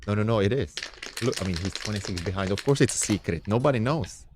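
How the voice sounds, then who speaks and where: A man's voice: on the low side, lively intonation, fast, noisy background. A man with a Czech accent giving live backgammon commentary, chatty and playful, often repeating his phrases.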